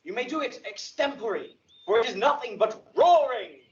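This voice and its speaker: An actor playing an officious organizer of amateur players, deliberate and emphatic, in a Shakespeare audio drama. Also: male voice, very high voice, expressive. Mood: instructing. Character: male carpenter directing an amateur play, officious organizer. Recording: dull lo-fi audio drama playback, distant.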